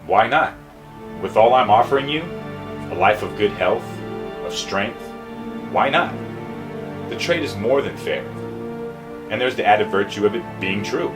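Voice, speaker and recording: A man's voice: on the low side, lively intonation, measured pace, pauses often. An actor playing the devil as a persuasive, mocking salesman in a short film, with music behind. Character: smooth-talking male devil posing as a salesman, scornful of humanity.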